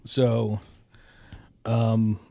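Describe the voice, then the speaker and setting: A middle-aged man from Hawaii, a podcast guest telling his life story with many pauses and fillers. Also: lowish voice, monotone, vocal fry, dark tone, no echo, studio quality. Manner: hesitant, many ums and uhs, laughs often. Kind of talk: casual storytelling.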